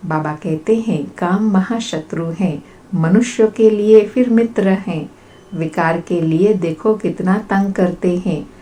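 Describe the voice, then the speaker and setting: Brief: woman as spiritual reader, unhurried steady recitation, mellow tone. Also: fairly low pitch, slight background noise. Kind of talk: reading a religious discourse aloud.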